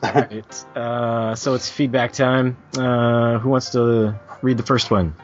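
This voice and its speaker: A man hosting a podcast in casual chat, leading the segments with a lively manner. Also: medium pitch, slow. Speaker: podcast host. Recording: dull lo-fi sound, faint music.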